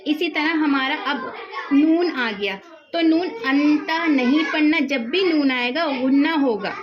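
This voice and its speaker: Woman recitation teacher, high-pitched, patient and methodical, dull lo-fi recording. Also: noisy background. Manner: patient, repeats examples slowly, drawn-out demonstrations. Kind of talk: tutorial on recitation rules.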